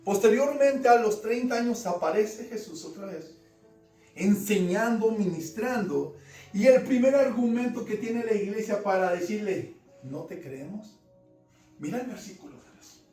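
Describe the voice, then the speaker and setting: A man preaching a fervent sermon, swinging between loud emphasis and quiet asides. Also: sits high, normal speed. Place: church service. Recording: roomy church sound from a distant mic, faint music behind.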